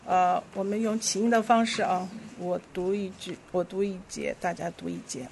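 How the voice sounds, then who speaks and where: A woman leading a church service, reading scripture aloud verse by verse in a steady, clear voice. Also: on the low side, moderate pace, slight background noise. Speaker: worship leader.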